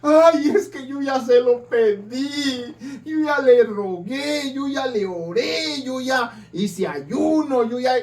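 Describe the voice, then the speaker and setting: A man's voice: extremely high pitch, expressive, takes it slowly, hardly any pauses, darkish tone, voice pushed up, exaggerated voice. A man voicing a discouraged, whining believer complaining that his prayers go unanswered, in a tearful pleading tone, recorded from a distant mic.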